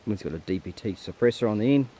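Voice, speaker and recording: A man's voice: lowish voice, expressive, racing, dark tone, slightly rough. A man with a broad New Zealand accent, chatting casually and matily as the host of a hunting vlog. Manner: laid-back, matey slang. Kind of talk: casual outdoor vlog talk. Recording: faint outdoor background noise.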